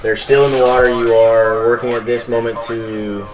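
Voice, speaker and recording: A man's voice: medium pitch, flat delivery, normal speed, a crowd in the background. A man working as a Coast Guard station radio operator, talking in clipped, procedural phrases over a marine radio transmission.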